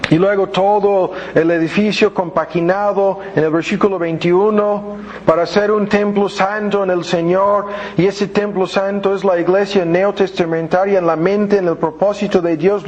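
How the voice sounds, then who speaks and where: In a church hall before his congregation, a male pastor preaches, reading verses aloud and quizzing listeners as he unpacks them word by word with frequent asides. His voice is high and a little mellow, with the highs cut off.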